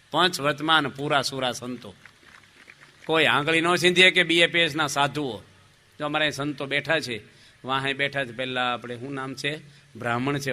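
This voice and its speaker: A man, a monk giving a humorous devotional sermon, telling stories in an animated way, asking the audience questions and acting out the dialogue. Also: mid-range voice.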